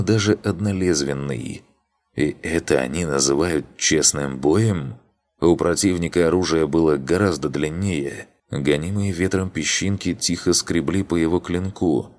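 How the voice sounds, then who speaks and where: Мужчина спокойно и размеренно читает вслух художественную книгу как диктор аудиокниги. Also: male voice, rumbling low. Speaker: audiobook narrator. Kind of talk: scripted audiobook narration.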